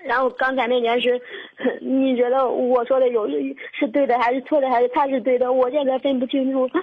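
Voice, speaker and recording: A woman's voice: sits high, level tone, fairly quick. A woman calling a radio advice show, tearful and hesitant as she pleads her case. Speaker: caller. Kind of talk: radio call-in conversation. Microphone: telephone. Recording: tinny phone line.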